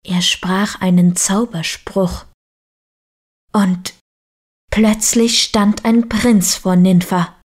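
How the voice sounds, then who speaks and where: Female storyteller, very slow, mid pitch, calm bedtime-story read. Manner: slow, deliberate reading. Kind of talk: storybook narration.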